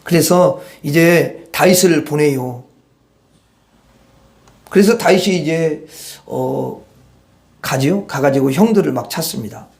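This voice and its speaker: A male preacher delivers a Sunday sermon in a fairly high voice. He tells the story in an animated way, slipping into the characters' dialogue and calling on the congregation to read verses aloud with him. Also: takes it slowly, creaky, long pauses. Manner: storytelling, acts out dialogue from Bible stories. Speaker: pastor.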